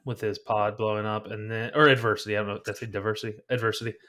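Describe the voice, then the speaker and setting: Lower-voiced male co-host, earnest and eager, corrects himself mid-sentence. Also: level tone, racing, sharp tone. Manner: earnest, enthusiastic, self-correcting. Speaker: podcast co-host. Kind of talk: casual movie chat.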